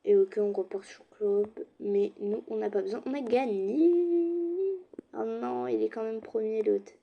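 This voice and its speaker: A young woman chatting casually to her viewers while playing an online game, with quiet murmured asides. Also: medium pitch, level tone, moderate pace, creaky, phone-quality sound. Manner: chatty, addresses viewers directly, slips into soft asides. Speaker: gaming streamer. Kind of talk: casual let's-play commentary.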